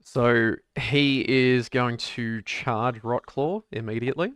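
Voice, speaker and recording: A man's voice: mid-range voice, fairly even intonation, slow pace, a bit bright, smooth, no echo, studio quality. A man running a tabletop role-playing game as game master, patiently explaining the rules.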